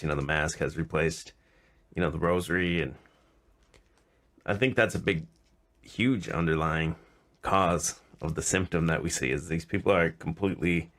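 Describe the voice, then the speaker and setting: Low-pitched man with vocal fry. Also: a bit bright. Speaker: podcast co-host. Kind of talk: casual opinionated discussion.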